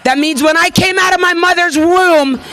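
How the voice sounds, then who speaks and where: Speaking at a rally before a crowd, this activist in her thirties gives a fervent, emphatic speech full of emotion and repeated phrases. She has a very high-pitched, slightly bright voice at a moderate pace, captured in a dry recording.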